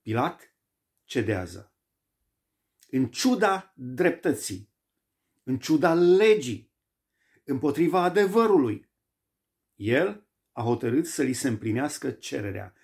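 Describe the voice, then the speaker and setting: A man's voice: mid-range voice, very animated, gravelly, long pauses, darkish tone. A man preaching a sermon, emphatic and repeating phrases for stress.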